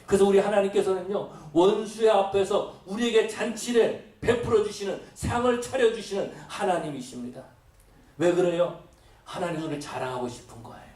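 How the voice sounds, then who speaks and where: A man's voice: high-pitched, a little mellow. A middle-aged male pastor with a cold, preaching emphatically and asking many rhetorical questions. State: has a cold. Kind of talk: sermon. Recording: echoey, from a distance.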